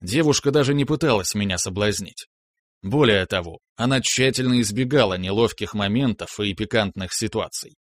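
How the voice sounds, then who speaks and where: A man reading a first-person story aloud in a measured, wry storytelling manner. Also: fairly low pitch, no room sound. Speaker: audiobook narrator. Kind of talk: scripted first-person narration.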